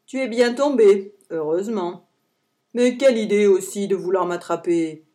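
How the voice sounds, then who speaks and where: A woman voicing a big, good-natured male bison with a deep, booming voice in a children's story. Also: moderate pace, warm tone, lightly acted. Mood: amused.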